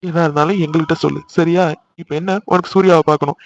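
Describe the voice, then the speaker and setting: Man playing a protective cartoon big brother, quick teasing talk, dull lo-fi sound. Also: a little high, fairly even intonation, vocal fry. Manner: teasing then soothing, scolds playfully. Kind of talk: animated cartoon dialogue. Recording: slightly dull lo-fi audio.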